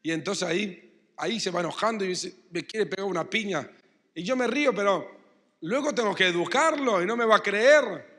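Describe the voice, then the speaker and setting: A man's voice: sits high, animated, normal speed, a bit bright, big-room sound. A man preaching a sermon as pastor with an Argentine Spanish accent, acting out quotes and building emphasis. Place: church hall.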